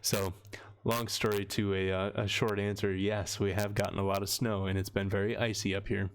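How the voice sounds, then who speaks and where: A young man chats casually on a livestream from his home, the shelves of books behind him. His voice sits a little low, and he rambles easily and laughs often. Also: little pitch movement, normal speed, clear, resonant tone. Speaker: livestream host.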